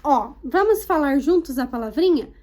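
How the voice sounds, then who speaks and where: A woman's voice: high-pitched, animated, a little mellow. A woman teacher with a Brazilian Portuguese accent, giving a recorded lesson to young children and stretching each word out syllable by syllable. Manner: slow, drawn-out words spelled out syllable by syllable for children.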